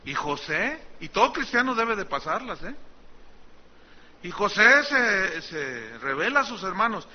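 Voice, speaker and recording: A man's voice: high voice, dull audio. A man preaching a sermon as pastor, telling the story conversationally and teasing his congregation.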